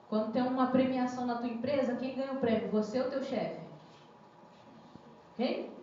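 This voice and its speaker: With a warm, slightly high voice, a young woman gives a chatty sermon in church, drawing the congregation in with questions. There is a little hiss or hum, and the echoey hall makes the recording muffled and lo-fi.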